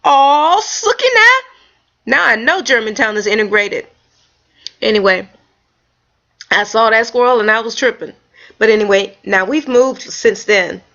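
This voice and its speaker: A woman vlogger telling a story in a casual, animated, folksy way. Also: fairly high pitch, normal speed, long pauses. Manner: animated, folksy storytelling with Southern-leaning speech. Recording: dull lo-fi home video.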